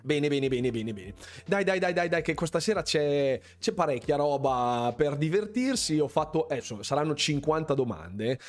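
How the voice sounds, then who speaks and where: A playful man hosts a live gaming quiz stream, chatting casually with his viewers. His voice sits a little high, and he repeats words in bouncy runs. Faint music plays softly behind him. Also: animated, normal speed. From Bergamo, northern Italy. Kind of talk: casual livestream chat, greeting viewers.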